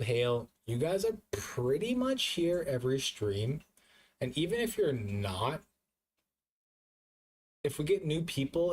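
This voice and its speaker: A man's voice: medium pitch, a little mellow. Tipsy man rambling on a live stream. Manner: loose, rambling, repeats himself. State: drunk. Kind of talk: casual live-stream chat.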